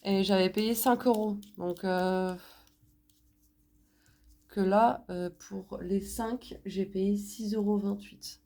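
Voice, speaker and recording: A French woman showing her craft purchases in a casual haul video, talking slowly with many hesitations, a little hoarse because she is sick. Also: mid-range voice, steady tone, mellow. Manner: slow, hesitant, many fillers. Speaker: crafts vlogger.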